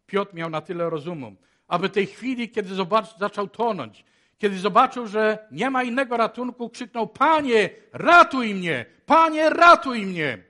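In a chapel, a man with a fairly high voice delivers a sermon, shifting between hushed and loud passages and posing many rhetorical questions.

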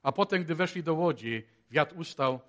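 A man preaching a sermon in a chapel, moving between hushed and loud passages and asking many rhetorical questions. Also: a little high, expressive, normal speed.

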